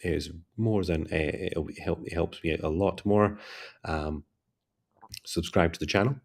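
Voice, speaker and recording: Yawning and worn out, a career coach hosts a laid-back livestream in a low, creaky voice at a slightly slow pace. He rambles casually and keeps repeating his requests to like and subscribe.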